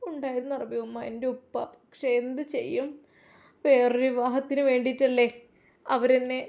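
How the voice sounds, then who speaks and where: A woman voicing a young grieving bride who speaks softly and tearfully. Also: sits high, level tone, moderate pace, creaky. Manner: soft, pleading and tearful.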